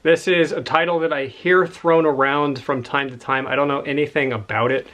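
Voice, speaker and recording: A man's voice: fairly high pitch, steady tone, normal speed, a bit bright, dull audio. A man in a casual, rambling chat about books he has found, enthusiastic and a little out of breath. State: slightly out of breath. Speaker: book collector showing a haul.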